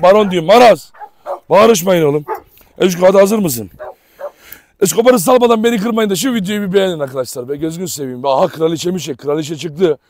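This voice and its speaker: High-voiced man talking to his dogs. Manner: affectionate, shouts commands at dogs. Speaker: dog farm vlogger. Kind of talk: casual commentary while handling dogs. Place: outdoor dog farm. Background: dogs barking.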